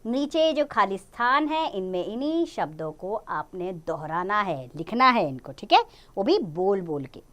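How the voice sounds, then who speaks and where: A young woman teaching a Hindi lesson to small children. She draws out each word slowly, repeats it, and coaxes them with questions. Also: medium pitch, sing-song, fairly bright tone. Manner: drawn-out syllables when modelling words, repeats each word twice. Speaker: primary school Hindi teacher.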